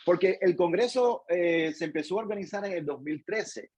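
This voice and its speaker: Husky Cuban man with restarts. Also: high-pitched, expressive, normal speed, a little mellow, poor audio. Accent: Cuban Spanish. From Cuba. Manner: thoughtful, many restarts and tag questions. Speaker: interview guest, professor. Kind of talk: casual interview answers.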